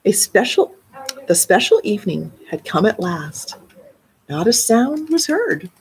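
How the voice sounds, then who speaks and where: A middle-aged librarian reads a picture book aloud for a live story time, pausing for friendly asides. Her voice is deeply husky with a gravelly edge. She speaks slowly, and her pitch swings widely. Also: very animated. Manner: warm storyteller, adds asides and explanations. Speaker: children's librarian.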